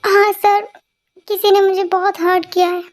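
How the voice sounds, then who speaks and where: A woman's voice: extremely high pitch, level tone, moderate pace. A woman voicing a tearful young office employee who answers her boss meekly in a dubbed fan story. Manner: sniffly, meek.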